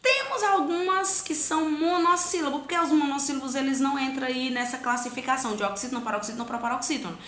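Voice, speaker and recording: A bright, fairly high-voiced woman gives a grammar lesson to children. She draws out syllables slowly to show where the stress falls, and she asks the pupils' questions in her own voice. The room around her is echoey. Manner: plays both teacher and pupil asking questions. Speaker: teacher.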